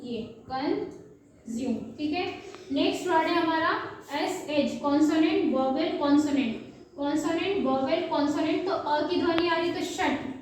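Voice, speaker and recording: A very high-voiced woman teaches beginners phonics, spelling letters slowly and asking and answering her own questions. Her voice sits far back from the mic in a strongly echoing room, with a faint hum underneath. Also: darkish tone.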